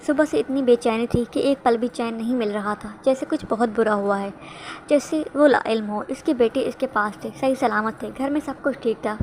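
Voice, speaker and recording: A woman reading a romance novel aloud in a steady voice, sometimes correcting herself. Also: fairly high pitch, a little hiss or hum. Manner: steady, occasional self-corrections. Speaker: novel reader.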